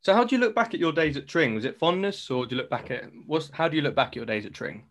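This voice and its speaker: A man's voice: a little high, lively intonation, fast, a bit bright. A man in his twenties hosting a casual podcast interview, friendly and chatty, laughing often. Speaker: podcast host.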